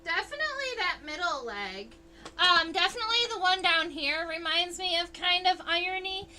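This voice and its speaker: A woman's voice: extremely high pitch, lively intonation, sharp tone, soft background music. A woman entomologist hosting a casual livestream, explaining insect anatomy under a microscope and answering viewers' chat. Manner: chatty, unhurried, reads chat aloud.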